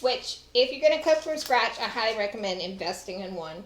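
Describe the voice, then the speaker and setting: This cooking show host sounds animated, a little high and a little fast. A middle-aged Texan woman, she chats with viewers while demonstrating a recipe at home, picked up by a far camera amid kitchen echo, clattering dishes and a slight hiss or hum.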